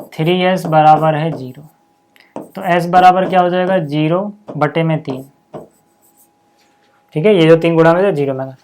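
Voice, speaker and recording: A man's voice: on the high side, slight background noise. Chatty male maths teacher explaining steps. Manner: chatty, checks in with "thik hai" after each step; addresses viewers informally as "bhai sahab" and "yaar". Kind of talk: casual step-by-step lesson.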